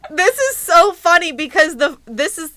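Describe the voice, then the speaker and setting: A woman podcast co-host in casual, animated chat, with an emphatic and giggly way of talking. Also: very high-pitched, very noisy.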